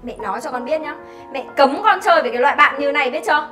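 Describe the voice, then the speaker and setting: A woman's voice: high voice, very fast, lightly acted. An actress playing a harsh young mother who berates an orphan boy, scolding sharply in a scripted web sitcom. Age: young adult. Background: background music.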